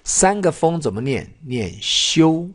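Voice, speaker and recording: A man teaching a children's Chinese lesson, drawing out syllables slowly when modelling pronunciation and mixing in English words. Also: a little high, very animated. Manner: switches between Mandarin and English words.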